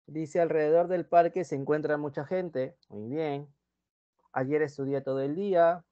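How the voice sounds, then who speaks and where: A man with a Peruvian accent teaching a grammar class online, reading example sentences slowly and loudly, then dropping to quiet asides. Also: fairly high pitch, fairly even intonation, dry recording. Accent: Peruvian Spanish. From Peru. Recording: dull dry lo-fi sound.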